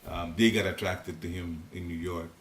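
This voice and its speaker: Here the Ghanaian-accented older man talks at a moderate pace, his voice sitting low and his tone steady. Guiding a home devotional class in a living room, he rambles chattily through informal spiritual teaching and chuckles now and then. The audio comes from a distant seated recorder, so it sounds roomy with a faint hiss.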